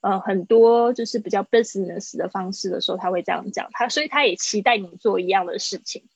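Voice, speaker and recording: During an online English lesson, a woman explains things in Mandarin and models each English word twice. Her voice is medium in pitch, creaky and husky, and she speaks briskly. The call audio is dull and dry, with no room sound.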